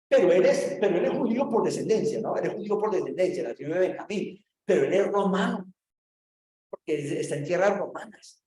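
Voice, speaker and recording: A man's voice: on the high side, darkish tone, roomy sound, low-quality recording. A man giving a preaching-style Bible lesson, talking conversationally, repeating phrases and turning to the listeners directly. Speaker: theology teacher.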